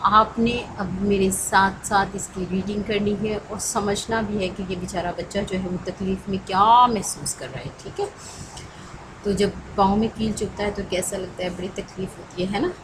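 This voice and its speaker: A woman's voice: medium pitch, fairly even intonation, moderate pace. A woman school teacher explains a lesson to children patiently, often checking in with them. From Pakistan. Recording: recording with clear background noise.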